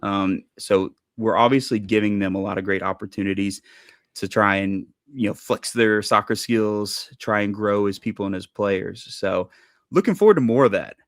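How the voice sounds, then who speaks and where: A man's voice: on the low side, normal speed, no echo, clean studio sound. A man co-hosting a sports podcast, chatting casually and rambling with lots of fillers. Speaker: podcast co-host. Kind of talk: casual chat.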